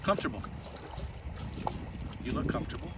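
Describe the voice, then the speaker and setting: Middle-aged man interviewing outdoors, off-mic. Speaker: interviewer and coach. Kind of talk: casual interview chat. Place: outdoors by a cold river. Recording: distant mic, loud rushing water noise.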